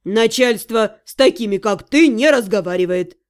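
A woman's voice: fairly high pitch, normal speed, lightly acted. A woman voicing a smug, sarcastic male demon lord in an audiobook. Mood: sneering. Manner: sneering, sardonic. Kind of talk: audiobook character reading.

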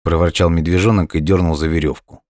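A man narrating a children's story audiobook in a calm, unhurried way. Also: low voice, no echo, studio quality.

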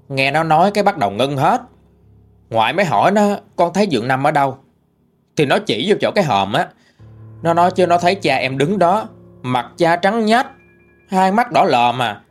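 A man with a Southern Vietnamese accent narrating a ghost story in a chatty, conversational way. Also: fairly high pitch.

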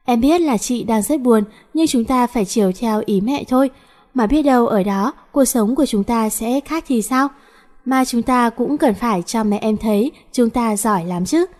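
A woman voicing a gentle teenage girl who coaxes and comforts her cousin. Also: on the high side, moderate pace, lightly acted. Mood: coaxing. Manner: soft, coaxing.

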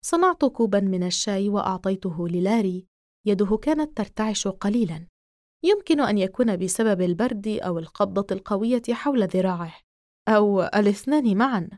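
A woman narrating a horror novel in the first person as an audiobook, in a steady, measured reading. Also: medium pitch, no room sound, studio quality.

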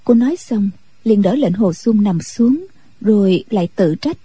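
Dark-voiced woman narrating a story. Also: medium pitch, expressive, unhurried, husky, dry recording. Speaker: audiobook narrator.

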